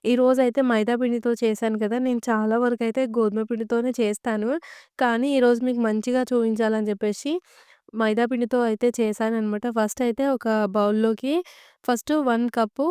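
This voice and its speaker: A woman's voice: fairly high pitch, fairly quick, clean tone, dry recording, clean studio sound. A young woman, chatting casually as a home vlogger and telling a story straight to her viewers. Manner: lively, chatty, addresses viewers directly.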